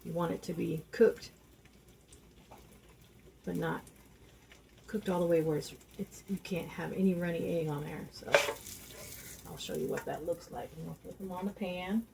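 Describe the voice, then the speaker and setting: A woman's voice: fairly low pitch, steady tone, moderate pace, creaky, pauses often, mellow. A woman chatting homily as she cooks in her home kitchen, showing how it's done. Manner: chatty and homey, talks while cooking. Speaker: home cook. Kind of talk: casual cooking demonstration. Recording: noisy kitchen with clattering dishes. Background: pans and dishes clattering.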